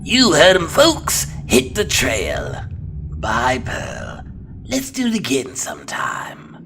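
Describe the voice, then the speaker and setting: A man voicing a manic, gleefully cruel clown villain in a comic-book drama, theatrical and mocking, jumping between whispers and shouts. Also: medium pitch, huge pitch swings, takes it slowly, noisy background, exaggerated voice.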